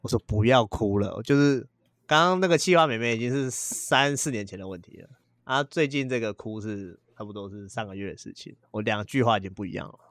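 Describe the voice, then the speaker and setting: A man's voice: lowish voice, fairly bright tone, no room sound. A man, co-hosting a podcast in casual chat and telling self-deprecating stories. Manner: fast, joking, self-deprecating storytelling. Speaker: podcast co-host.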